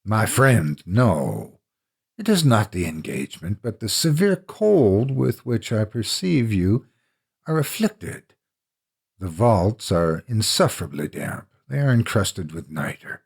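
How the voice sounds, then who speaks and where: Man playing a cunning, courteous gentleman, low and gravelly. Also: exaggerated voice. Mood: feigned reluctance. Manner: flattering, deliberate, falsely reluctant. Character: cunning, vengeful gentleman feigning courteous concern.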